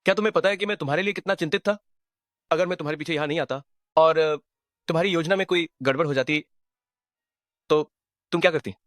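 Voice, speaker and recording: An actor dubbing a protective young male CEO, angry at his rival and soft with his partner. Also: fairly high pitch, quick pace, pauses often, dry recording, clean studio sound, lightly acted. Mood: worried. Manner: sharp with enemies, soft and worried with her. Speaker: protective boyfriend, company boss. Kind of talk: Hindi dub of a drama.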